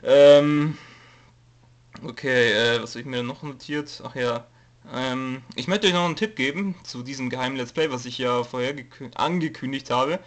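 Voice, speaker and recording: A young man with a cold, speaking in a mid-range voice at a moderate pace, gives a channel update as a YouTube let's player. He reads from a note and rambles casually and hesitantly, full of fillers and jokes, in a loose info-video style.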